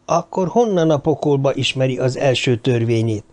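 A man reading an audiobook, voicing a dying bearded mathematician who speaks in a low, raspy, scornful, lecturing way. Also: lively intonation, a little mellow, close to an everyday voice. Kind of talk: audiobook character voice.

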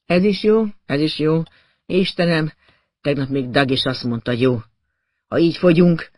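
A man's voice: a little high, darkish tone, no room sound, clean studio sound, lightly acted. A man voicing a bossy man who barks curt, impatient orders.

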